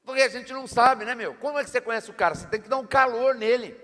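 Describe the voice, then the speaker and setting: A man's voice: very high voice, quick pace, sharp tone. A pastor, preaching a sermon in an emphatic, colloquial way with slangy asides to his congregation. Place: church hall. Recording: long church-hall reverb.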